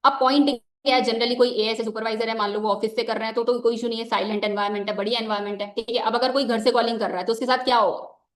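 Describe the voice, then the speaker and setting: A woman's voice: a little high, fairly even intonation, rapid-fire, reverberant. A young woman giving a conversational motivational training talk into a microphone, mixing in English phrases and often saying "ठीक है" as a filler. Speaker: network marketing trainer. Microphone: wearing a microphone.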